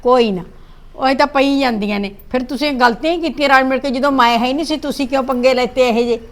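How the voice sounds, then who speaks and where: A woman's voice: high voice, steady tone, fast talker. A woman with a Punjabi accent playing an aunt in a village drama, soothing and motherly. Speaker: actress playing an older aunt.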